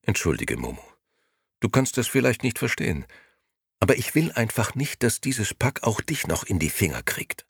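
Brief: narrator doing a nerve-shot, yelling young man, strained and high, dry storybook read. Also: sing-song, normal speed, creaky, husky, no echo, exaggerated voice. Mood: angry. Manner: shouting, desperate, exasperated. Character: frazzled, hot-tempered young man at the end of his nerves.

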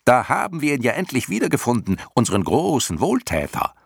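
A man's voice: wildly swooping pitch, a little fast, gravelly, breathy edge, no room sound, clean studio sound, full character voice. A man voicing a screeching mob of mocking clown creatures in an audiobook. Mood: shrill, mocking. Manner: shrill, shrieking chorus, frantic and mocking. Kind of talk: audiobook character voice.

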